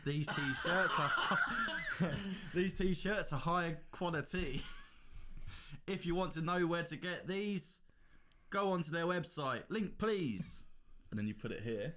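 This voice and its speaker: A man's voice: on the high side, expressive, slow, bright, forceful tone, slight background noise. A man co-hosting a casual podcast, bantering and joking with his friends. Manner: jokey, bantering. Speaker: podcast co-host.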